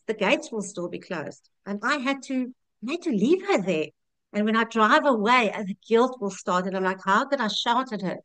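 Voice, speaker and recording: A woman's voice: mid-range voice, fairly bright tone, clear, resonant tone, no echo. A South African woman in her fifties telling her own story in a candid, heartfelt way, often restarting her sentences. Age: 50s. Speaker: customer sharing a testimonial. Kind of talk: personal testimonial.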